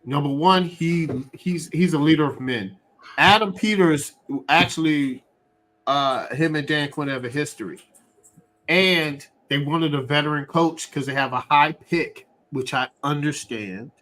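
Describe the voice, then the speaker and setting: A man hosting a live sports fan show, talking eagerly with frequent restarts. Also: fairly high pitch. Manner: excited, talks fast with many restarts.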